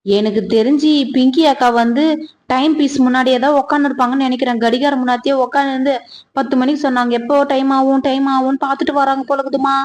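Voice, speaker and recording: A fairly high, quick-talking woman plays a gossiping cartoon neighbor, voiced by a woman. Her remarks about the others are chatty and wry. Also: steady tone, close to an everyday voice. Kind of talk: cartoon voice acting.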